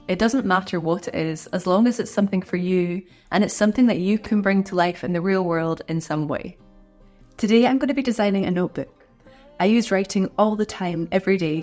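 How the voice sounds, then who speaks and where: An artist and video creator talks casually to camera, friendly and encouraging, in a medium-pitched, darkish voice. She sounds a little stuffed up from a cold.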